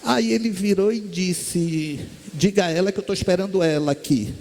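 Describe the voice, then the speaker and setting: On a lecture hall stage, a man with a Brazilian Portuguese accent delivers a spiritist lecture built around stories. He's a lively storyteller who acts out the voices of the people in them, speaking in a high-pitched voice at a normal speed.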